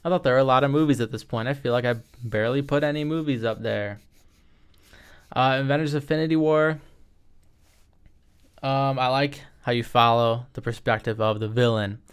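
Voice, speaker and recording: A man's voice: medium pitch, normal speed, clear, resonant tone. A young man giving casual, rambling commentary as he ranks movies into tiers, often cutting himself off and tossing in slang. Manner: rambling, self-interrupting, slangy. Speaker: video creator ranking movies. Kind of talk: casual tier-list commentary.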